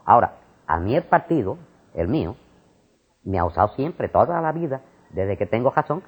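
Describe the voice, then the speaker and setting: An older Puerto Rican man talks in an animated, rambling way, his voice rising and falling widely and repeating words as he goes. His tone is slightly husky. The recording is dull and lo-fi. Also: mid-range voice, normal speed. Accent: Puerto Rican Spanish. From Puerto Rico. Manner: animated and discursive, repeats words, frequent fillers. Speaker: interviewee, retired school principal. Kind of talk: casual conversation. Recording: muffled lo-fi recording.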